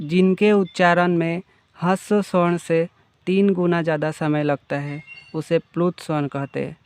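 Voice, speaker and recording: A man teaching Hindi grammar in a slow, explanatory lesson, defining each term and then restating it. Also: on the high side, clear, resonant tone, no room sound.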